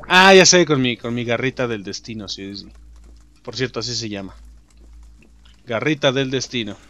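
A young adult man with a Mexican accent, commenting on his own gameplay in slangy, swearing chatter, shouting and taunting enemies. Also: mid-range voice, expressive, normal speed. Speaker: gameplay streamer. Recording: music playing behind the voice.

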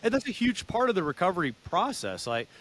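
A man's voice: high voice, big pitch swings, fast, a bit bright. A man co-hosting an interview, talking in a casual, emphatic way.

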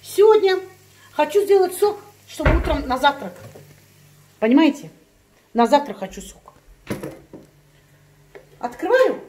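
High-voiced woman ranting at her phone cam, all worked up, kitchen sizzling faintly behind. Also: big pitch swings, a little slow, pauses often, a little mellow, a little hiss or hum. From Russian-speaking, living in Spain. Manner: heated, emphatic, repeats herself, addresses viewers as girls. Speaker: vlogger. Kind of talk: ranting chat to viewers.

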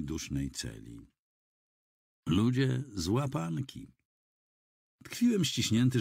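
A man reading a first-person audiobook in a measured, dramatic storytelling manner, close to a studio mic. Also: on the low side, gravelly, darkish tone, husky, dry recording. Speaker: audiobook reader.

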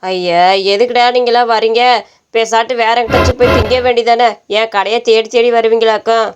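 A woman's voice: fairly high pitch, steady tone, a little fast, muffled recording, music in the background, lightly acted. A woman voicing a grumpy old shopkeeper woman who grumbles and curses at customers. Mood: grumbling. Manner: grumbling, cursing complaints.

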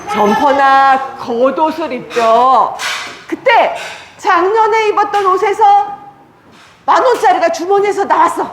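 High lively woman calling out claps and cheers for seniors, slow and echoey room. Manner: cheerful chants and cues, talks down to elders warmly. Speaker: senior recreation instructor. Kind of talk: leading a group clapping exercise. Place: day care center activity room. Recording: echoey room, faint noise.

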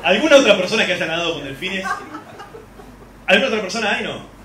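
A man's voice: high voice, animated, fast talker, a little hiss or hum. A man with an Argentine accent doing live stand-up comedy, brash and swearing, working the crowd on a club stage. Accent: Argentine Spanish. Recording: echoey club with loud crowd.

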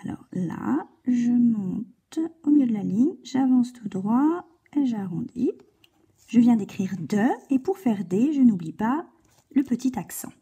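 A woman's voice: a little high, lively intonation, creaky, warm tone, breathy edge. A woman teaching a handwriting lesson to a child, guiding patiently step by step. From France. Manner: slow, patient step-by-step guidance, addressing a child.

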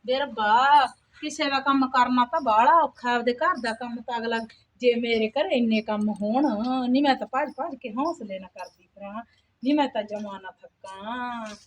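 A woman's voice: a little high, normal speed, a little hiss or hum, lightly acted. A woman playing a poor young village mother who works as a day laborer, weary and complaining. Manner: plaintive, complaining, sighs to God. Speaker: actor in a home-made skit. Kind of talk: amateur village drama.

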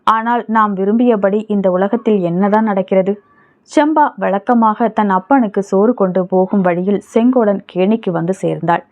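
A woman narrating a novel as an audiobook reader, in steady storytelling. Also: medium pitch, moderate pace, soft background music. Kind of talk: scripted narration. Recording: tinny phone-like audio.

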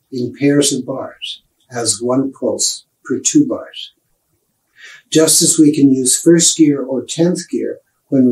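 An older man, a piano professor, giving a measured, explanatory music lecture. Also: medium pitch, a little mellow, low-quality recording.

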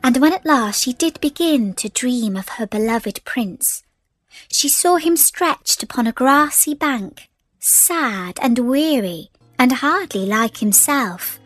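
Woman storyteller, fairly high voice, slow gentle children's story reading. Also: expressive, dry recording, faint music behind. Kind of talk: scripted storybook narration.

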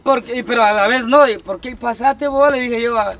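A man's voice: extremely high pitch, normal speed, fairly bright tone, far from the mic. A man playing a pushy young buddy. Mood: insistent. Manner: insistent, repeats himself to be heard. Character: young male workmate, pushy questioning buddy. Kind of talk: comedy sketch acting.

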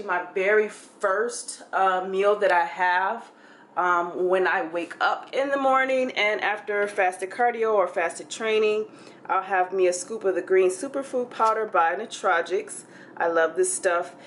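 This fitness vlogger is a young woman with a voice on the low side, chatting loosely to a close-held camera in her home kitchen. She rambles and leans heavily on fillers in this casual vlog chat. The room is echoey, with slight background noise.

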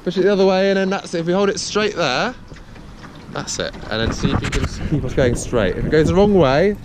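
A man with a slightly high, expressive voice, talking a bit fast, teaches his young children to sail a small dinghy on a lake, patient and gentle and full of praise as he coaches and chats casually. It's caught on a boat-mounted action camera, with wind and water noise outdoors.

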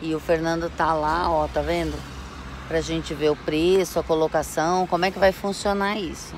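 A woman's voice: sits low, level tone, normal speed, noisy background. A middle-aged woman from Brazil chatting casually as she films a walking tour of a large indoor shopping mall on a handheld phone. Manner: chatty, pointing things out to viewers. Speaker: travel vlogger.

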